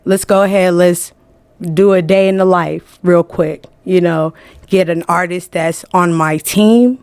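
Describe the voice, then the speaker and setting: A woman's voice: fairly low pitch, fairly even intonation, a little slow, a little mellow, clear, resonant tone, no echo. A woman from New Jersey, raised in Atlanta, talking frankly and emphatically as a guest on a casual podcast, often laughing. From born in New Jersey, raised in Atlanta. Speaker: music management guest.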